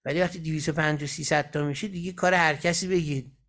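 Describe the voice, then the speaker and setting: A man with a high voice leads a recitation lesson. He breaks each point down step by step and keeps asking his students whether they have understood. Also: steady tone, fairly bright tone. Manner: explains step by step and keeps checking "got it?". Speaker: Quran recitation teacher. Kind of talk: lecturing in a recitation class.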